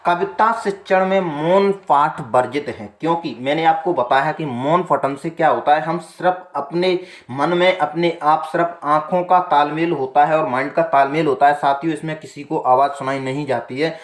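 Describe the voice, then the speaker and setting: A man teaching an exam-prep lesson, working through multiple-choice questions one at a time, with a slightly raised pitch. He keeps addressing his listeners as companions and repeats each answer slowly. The room is roomy and echoey. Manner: repeats the answer twice, slow and deliberate.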